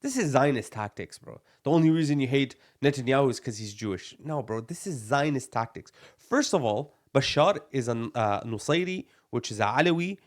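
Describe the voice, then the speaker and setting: A man's voice: medium pitch, animated, a little fast, hardly any pauses. A young man from Palestine, a podcast co-host, arguing bluntly and emphatically in a heated discussion, peppering his talk with "bro" and Arabic phrases.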